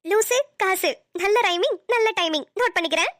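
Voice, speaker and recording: Woman voicing a very high, bright cartoon college girl. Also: moderate pace, no room sound, studio quality. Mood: playful. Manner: teasing, playful banter. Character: cheeky young female college student. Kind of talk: cartoon voice acting.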